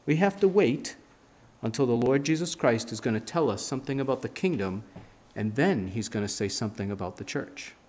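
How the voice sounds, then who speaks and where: Animated man preaching from a pulpit. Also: mid-range voice, fairly quick. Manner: animated, emphatic preaching with sweeping gestures. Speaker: pastor. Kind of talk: sermon. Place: church sanctuary, standing at a pulpit. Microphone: pulpit mic, filmed by a fixed camera.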